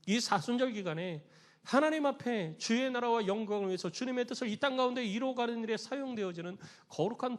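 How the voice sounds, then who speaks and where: A male pastor delivers a sermon with a strikingly high voice. He preaches emphatically and tells a parable, acting out the quoted voices. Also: in a large hall. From Korea. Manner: emphatic preaching, acts out quoted voices with raised pitch and volume.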